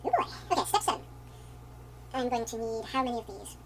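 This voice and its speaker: A man doing a shrill fussy showman. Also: expressive, fairly quick, pushed and bright, a little hiss or hum, exaggerated voice, rough recording. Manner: theatrical, fussy, scolds the pieces. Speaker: vlogger.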